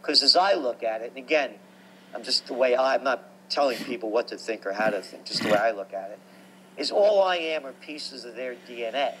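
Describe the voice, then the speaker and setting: A man, telling stories about his life as a guest in an animated, emphatic way. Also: mid-range voice, a little fast, slight background noise, low-quality recording. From New York. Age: 60s. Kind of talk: conversational storytelling.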